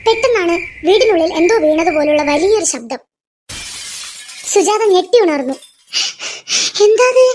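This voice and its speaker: A woman narrating a family moral story in a scripted, even storytelling manner. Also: extremely high pitch, moderate pace, pauses often, a little hiss or hum.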